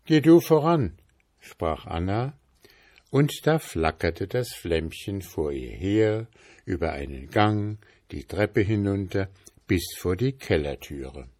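A man reading a folk tale aloud in a slow, even storyteller's manner. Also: sits low, dry recording, clean studio sound.

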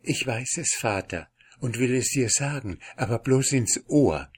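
Young princess, gentle and soft, quiet voice, slow storybook, put on by a man. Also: mid-range voice, creaky, pitched above the performer's own voice. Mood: secretive.

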